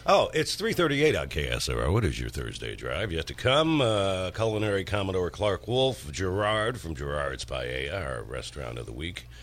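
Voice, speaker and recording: A man hosting a live local radio show in a smooth radio host delivery, reading what is coming up. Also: sits low, sing-song, moderate pace, few pauses, fairly bright tone. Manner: jokey, laughs easily between plugs. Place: radio studio. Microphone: studio microphone.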